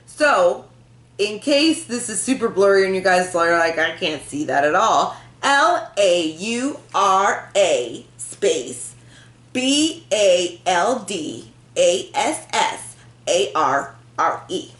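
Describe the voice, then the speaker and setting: A woman's voice: mid-range voice, very animated, takes it slowly, a bit bright. Chatty woman vlogging in an echoey room. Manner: chatty, self-deprecating, laughs often, swears casually. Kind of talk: casual rambling chat to camera. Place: room at home. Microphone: built-in camera mic.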